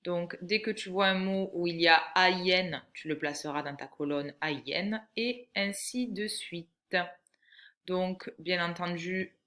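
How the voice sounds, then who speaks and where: A woman teacher giving a patient, clearly articulated reading lesson to a young child. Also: fairly low pitch, measured pace, fairly bright tone.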